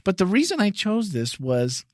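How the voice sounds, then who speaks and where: A man's voice: sits high, huge pitch swings, moderate pace, dry recording, studio quality. A man hosting a church podcast, chatting casually, laughing often and restarting his sentences. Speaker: podcast host.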